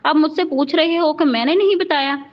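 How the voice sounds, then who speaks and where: A defiant young wife fires back tart retorts, read by a woman with a high voice. The audio is dull and lo-fi, as if from a cheap home setup. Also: moderate pace, lightly acted. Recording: dull lo-fi recording.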